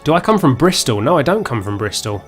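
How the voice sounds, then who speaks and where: A man from Essex, England, with a southern English accent hosts a live gaming stream, chatting casually and unscripted and often muttering to himself while he plays. His medium-pitched voice is sing-song and quick. Soft music plays in the background.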